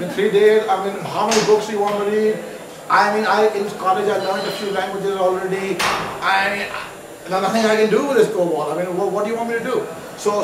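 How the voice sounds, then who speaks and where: A man from Pakistan, a guest on stage, tells his story in a chatty, self-mocking way, full of fillers and restarts. His voice sits high, and he is picked up from a distance in an echoey room with steady noise behind. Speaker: guest entrepreneur.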